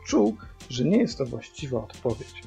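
A man reading a children's book aloud as a father, with steady, even storytelling. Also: medium pitch, normal speed, vocal fry. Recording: dull lo-fi audio via hearing aid, faint music.

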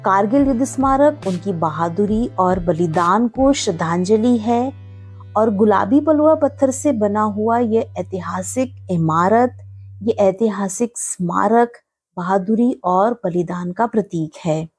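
A woman reads a scripted travel voice-over in a formal, reverent manner. Her pitch sits in a middle range, and she keeps calling the viewers her friends. Soft music plays under her. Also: lively intonation, slow pace, slightly rough. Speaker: travel vlogger narrating.

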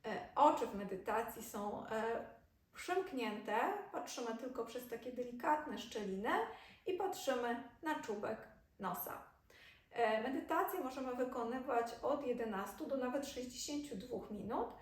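A woman teaching kundalini yoga, calmly guiding a meditation and chanting mantras. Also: on the high side. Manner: slow, calm, soothing guidance with chanted mantras. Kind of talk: guided meditation instruction. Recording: echoey room, voice a bit far from mic.

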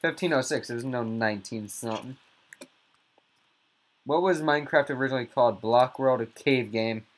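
A man giving casual, jokey gameplay commentary as a YouTuber, with sudden squeaky outbursts. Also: moderate pace, long pauses. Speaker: gaming YouTuber.

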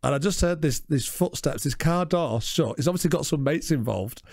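A man's voice: fairly high pitch, expressive, normal speed, a little mellow, dry recording, clean studio sound. A man co-hosting a podcast, telling rambling stories in casual chat and laughing often. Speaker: podcast co-host.

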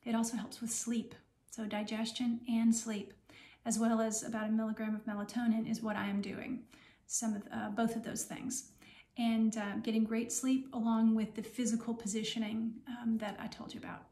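A middle-aged woman recovering from surgery speaks in a soft-edged, fairly high voice with very little melodic movement. She explains things gently and takes her time, pausing as she goes. It is a casual home vlog, recorded in a roomy, echoing space. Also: flat delivery. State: recovering from recent surgery, sore. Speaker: health vlogger sharing recovery advice. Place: small home room, indoors.

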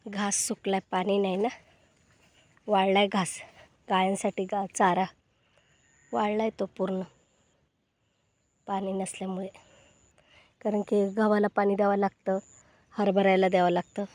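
A woman's voice: mid-range voice, flat delivery, a little slow, pauses often, no echo. A woman vlogging outdoors on her farm, chatting casually as she walks around with a phone camera. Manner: chatty, gets loud and coaxing when feeding goats. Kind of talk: casual walk-through narration.

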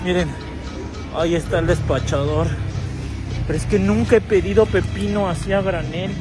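A man's voice: high-pitched, normal speed, close to an everyday voice. A man with a Mexican accent voicing a nervous, clueless young woman shopping, sighing and whining anxiously, in a comedy sketch, with music in the background. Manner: anxious whiny sighing, self-mocking.

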